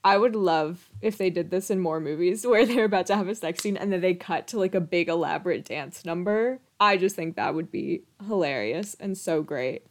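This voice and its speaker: A woman with a slightly low voice co-hosts a casual film podcast. She talks candidly, swears freely and laughs often. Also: moderate pace, hardly any pauses. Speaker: podcast co-host.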